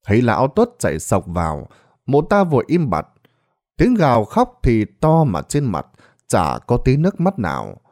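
A man's voice: medium pitch, huge pitch swings, normal speed, darkish tone. A man reading a ghost story aloud in a dramatic storytelling manner. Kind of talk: scripted narration.

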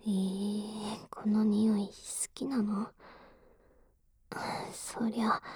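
Slow whispered role-play, intimate pillow talk. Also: female voice, mid-range voice, breathy edge, no echo, studio quality, heavily acted. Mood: shy, teasing.

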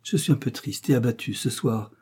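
A fretful, tender older innkeeper's wife, pleading and anxious, as a male audiobook reader puts her on. The voice is mellow and slightly husky, lifted a little above the reader's own. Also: mid-range voice, brisk. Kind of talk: audiobook character reading.

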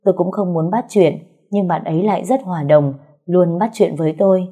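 Subdued husky woman storyteller. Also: fairly low pitch, fairly quick, mellow. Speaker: narrator. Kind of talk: first-person story reading.

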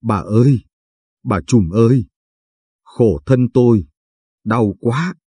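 A man's voice: mid-range voice, slow, warm tone, husky, no room sound, clean studio sound. A man voicing a young peasant wife in labor who pleads in a strained voice. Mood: desperate.

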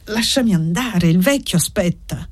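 A woman's voice: on the low side, lively intonation, moderate pace, a little mellow. A woman reading aloud, voicing a proud young foundling woman who answers in harsh, curt retorts.

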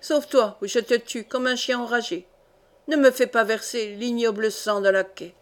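A woman's voice: mid-range voice, fairly even intonation, moderate pace, natural voice. A woman reading aloud voices a proud young count who hurls haughty insults in a fury. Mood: furious.

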